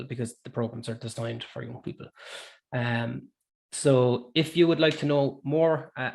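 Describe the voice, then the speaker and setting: A man with an Irish accent presenting a webinar in an informal, halting explanatory style. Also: medium pitch.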